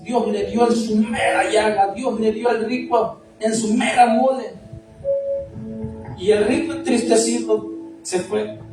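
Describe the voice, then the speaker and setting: A man preaching a testimony sermon as an evangelist, impassioned and repetitive, building up to shouts. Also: very high voice. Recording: echoey far-off hall with music. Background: music.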